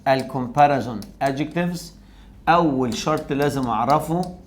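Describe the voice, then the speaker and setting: A man's voice: mid-range voice, fairly quick. Male teacher, Egyptian Arabic accent, recorded grammar lesson. Asks and answers his own questions, drags out example words. Faint noise and keyboard typing behind him. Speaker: English teacher.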